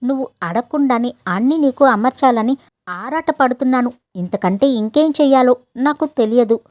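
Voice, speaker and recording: A woman's voice: a little high, expressive, moderate pace, darkish tone, no echo, close to an everyday voice. A woman voicing a young husband, a busy doctor, who answers his wife in an exasperated, defensive way, read in an audio story.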